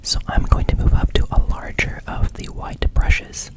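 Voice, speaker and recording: A man speaks entirely in a whisper, in the style of an ASMR ramble. He is close to the microphone and often repeats a word or phrase, lingering on it before moving on. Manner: whispers throughout, slowly repeating words and phrases. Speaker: ASMR video creator and host. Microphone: close microphone, brushed as he talks.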